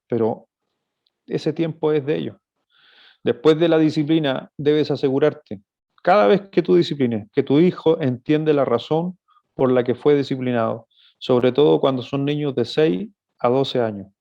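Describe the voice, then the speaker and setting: A man's voice: mid-range voice, a little mellow. A man giving a sermon-style talk to parents, earnest and explanatory, often asking rhetorical questions, in a dull lo-fi recording.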